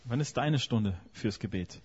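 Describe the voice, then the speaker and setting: A husky man of middle pitch interprets a sermon line by line, stumbling over fillers and restarting his sentences. The sound is muffled and lo-fi, like a church sound system recording. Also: lively intonation, a little slow, darkish tone. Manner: hesitant, frequent fillers and self-corrections.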